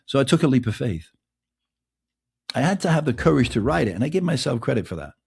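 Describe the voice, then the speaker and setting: Speaking quickly in a sing-song manner, a middle-aged man from England runs his podcast as a laid-back, self-teasing monologue. Rhetorical questions send his darkish, gravelly, faintly husky voice rising and falling across a wide range.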